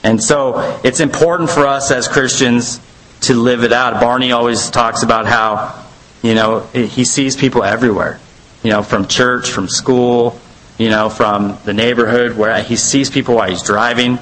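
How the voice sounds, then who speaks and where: A man's voice: medium pitch, steady tone, moderate pace, fairly bright tone, rough recording. A man teaching a church Bible study in a conversational, rambling way, full of fillers and asides.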